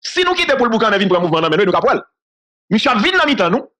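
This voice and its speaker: A man from Haiti delivers solo political commentary in a high, sharp voice. He talks at a rapid clip, hammers his key phrases again and again, and laughs briefly between points. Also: very animated.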